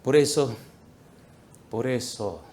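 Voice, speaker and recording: A man preaching a sermon to a congregation, telling a story with acted-out dialogue and swinging between loud outbursts and quiet asides. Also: mid-range voice, animated, slow, slight background noise. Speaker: pastor. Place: church, before a congregation.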